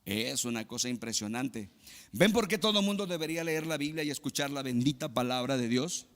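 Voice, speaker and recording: Male Mexican pastor, emphatic sermon delivery, bright tense tone, long hall echo. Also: animated, a little fast. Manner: emphatic preaching, swings between loud exclamations and low asides.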